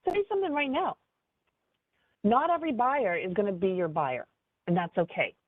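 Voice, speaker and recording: A woman business advisor giving a webinar training in an animated, conversational way, with frequent fillers. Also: mid-range voice, normal speed, no echo. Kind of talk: webinar presentation. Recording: tinny phone-like dry audio.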